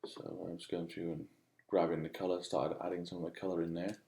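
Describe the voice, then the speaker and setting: A man giving a casual, unscripted voice-over demo as a digital artist, speaking in a halting, musing way. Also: low voice, flat delivery, gravelly, mellow, roomy sound. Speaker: digital artist demonstrating own work.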